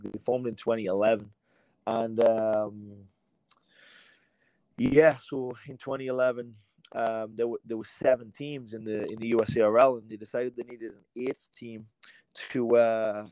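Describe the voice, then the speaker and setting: A man in his late thirties from England, whose English accent carries a faint American edge, talks through his career as a rugby league coach. He rambles and restarts often, in a somewhat low voice. The recording is dry, with no room sound. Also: level tone, normal speed, a little mellow, no echo, poor audio. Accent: English with a slight American tinge. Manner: rambling, with many fillers and restarts. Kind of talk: relaxed storytelling interview answers.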